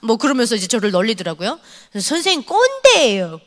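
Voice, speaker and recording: Animated woman preaching in a reverberant hall. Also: a little high, fast. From North Korea. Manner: animated, scolding, acts out dialogue. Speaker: guest speaker at church youth service. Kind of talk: testimony sermon. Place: church hall.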